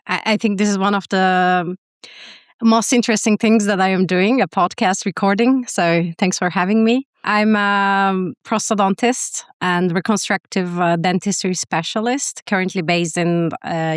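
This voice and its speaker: Woman in her thirties, podcast guest; smooth, lowish voice, halting delivery with many fillers. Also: no room sound, studio quality. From Turkey. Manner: hesitant, many fillers and restarts. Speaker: guest, prosthodontist and university faculty member. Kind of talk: podcast interview answers.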